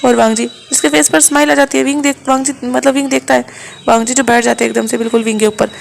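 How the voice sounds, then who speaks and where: A woman narrating a fan fiction story quickly, often restarting her sentences. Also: sits high, fairly even intonation, gravelly, slight background noise. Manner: rapid, with frequent restarts.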